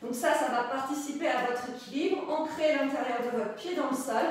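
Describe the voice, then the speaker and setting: High-voiced woman coaching a pilates class, upbeat, lots of repeated cues, far off in a really echoey room. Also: normal speed. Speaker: pilates instructor. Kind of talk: guided workout instruction.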